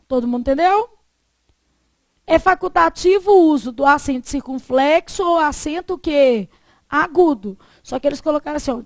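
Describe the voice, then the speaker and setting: High-pitched woman teaching grammar. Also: dry recording. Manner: poses fill-in questions for students to answer, dictates slowly. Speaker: Portuguese teacher. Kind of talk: classroom grammar lesson.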